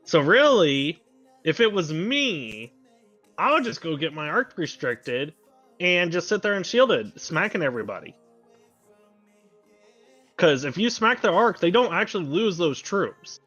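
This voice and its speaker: A man complains bluntly and swears freely in casual gaming talk. His voice is bright and tense, and it comes through a slightly muffled line. Faint music plays behind him. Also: sits high, very animated, unhurried, long pauses. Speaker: guest co-player.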